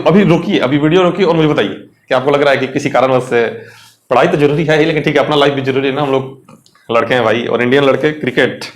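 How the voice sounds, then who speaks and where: A man's voice: fairly high pitch, roomy sound. Chatty Indian male English teacher. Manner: chatty, asks students questions, Hindi mixed with English. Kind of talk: exam lesson explaining vocabulary.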